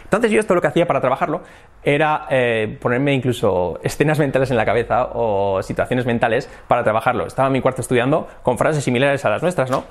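A man with a Spain Spanish accent gives a casual lesson as an English teacher. His voice sits at an ordinary middle pitch. He talks in an animated way and is used to switching tones to demonstrate phrases. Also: fast talker.

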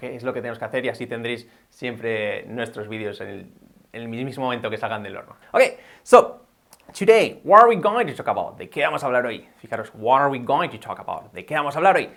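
A man's voice: medium pitch, vocal fry, a bit bright. Male English teacher, patient drill-style video lesson. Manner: drills words by repeating them slowly.

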